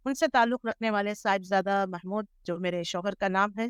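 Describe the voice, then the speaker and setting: A middle-aged woman from Hyderabad, India, telling her life story as an interview guest in a measured, earnest way. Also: mid-range voice, smooth, no room sound, clean studio sound. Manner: measured, earnest storytelling with English words mixed in. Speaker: interview guest, Islamic scholar.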